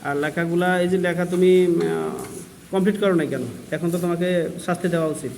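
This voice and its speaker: A young male schoolteacher with a slightly high voice talks in a firm yet gentle way as he calls children up one by one and checks their work. A faint hum of classroom ambience sits behind him. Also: steady tone, a little fast, creaky. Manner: firm but gentle, calls pupils forward and questions them. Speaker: primary school teacher. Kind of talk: classroom vlog, checking pupils' handwriting. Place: government primary school classroom.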